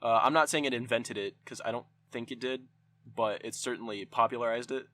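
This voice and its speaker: A young man hosts a podcast and reviews a film in a loose, rambling style, swearing a lot and often starting sentences over. His voice is mid-range and a bit bright, and he talks briskly.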